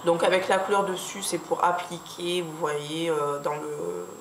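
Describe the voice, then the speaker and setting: A woman vlogger casually showing her makeup brushes, talking slowly with many hesitations and fillers. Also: on the low side, fairly even intonation. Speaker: beauty vlogger. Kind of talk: casual product review. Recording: echoey room with faint background hiss.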